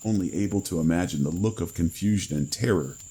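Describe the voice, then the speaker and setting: A man reading a first-person horror story in a slow, grave storytelling manner. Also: low voice, mellow, breathy edge, rough recording. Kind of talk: scripted horror narration.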